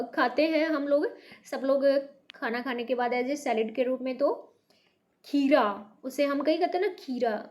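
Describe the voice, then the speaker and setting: A woman's voice: high-pitched, darkish tone. A woman from North India teaching Hindi to beginners, patiently repeating words with stress. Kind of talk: slow beginner language lesson.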